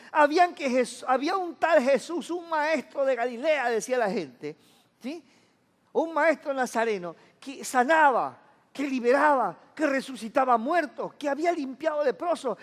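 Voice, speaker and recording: High-voiced preaching pastor in a reverberant church. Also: male voice. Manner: conversational preaching, asks the congregation for agreement. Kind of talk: sermon.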